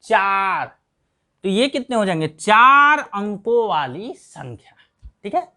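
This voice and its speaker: A man's voice: sits high, very animated, takes it slowly, sharp tone. A man teaching a math lesson, asking questions and answering them himself, counting aloud step by step. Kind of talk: classroom lesson.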